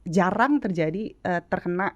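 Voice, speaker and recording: A woman's voice: fairly low pitch, expressive, moderate pace. A woman in her late twenties, a guest telling her story in a casual, chatty way and slipping English words into her speech. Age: late 20s.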